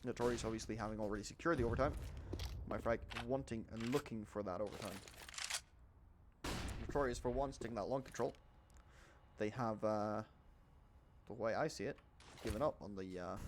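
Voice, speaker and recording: An excitable man casts a shooter game at a moderate pace, pausing often, with background noise and in-game gunfire audible. This esports caster's live play-by-play gets higher and louder during fights and calm between rounds.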